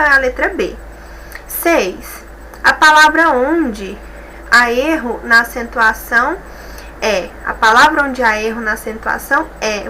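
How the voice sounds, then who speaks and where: A woman's voice: on the high side, sharp tone, slight background noise, low-quality recording. A woman with a Brazilian Portuguese accent, teaching a lesson as she corrects exercises, patient and explaining step by step while she often checks that her students follow.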